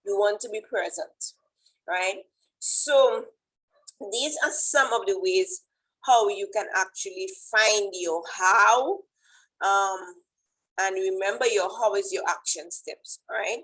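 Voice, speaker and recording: A woman with a Trinidadian accent gives an informal motivational presentation as a fitness coach, often checking in with "right?". Her medium-pitched voice is slow and fairly bright, and the recording is rough.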